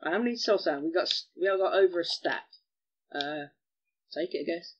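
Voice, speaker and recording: A man giving chatty gameplay commentary as host of a gaming channel, excitable and given to mild cursing. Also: on the high side, a little fast, dull audio.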